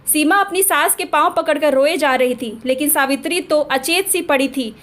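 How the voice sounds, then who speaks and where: High-voiced woman telling a story. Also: moderate pace, fairly bright tone. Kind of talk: scripted story narration.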